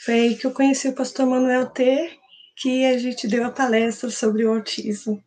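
Brazilian woman, slightly high voice, heartfelt church testimony, earnest storyteller. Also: little pitch movement, moderate pace, darkish tone. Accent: Brazilian Portuguese. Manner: earnest, emotional storytelling with quoted prayers. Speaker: church member giving testimony. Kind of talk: personal testimony.

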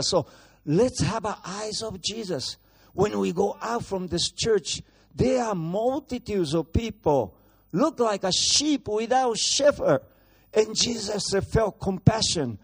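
A guest pastor whose first language is Japanese delivers a bilingual sermon in a church, switching rapidly between languages. His voice is unusually high for a man and slightly rough, and he's blunt and brash, slipping in jokes.

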